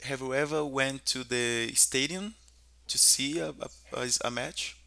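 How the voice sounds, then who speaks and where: A man's voice: mid-range voice, measured pace, gravelly, bright, forceful tone. A Portuguese-speaking man from Brazil practicing English conversation, often repeating words while he searches for them. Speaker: English student.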